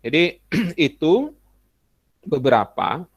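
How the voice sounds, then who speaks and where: A man's voice: a little high, sing-song, slow pace, breathy edge, no echo. A young adult male teacher giving a casual classroom lesson, chatty and full of examples, often acting out short student messages.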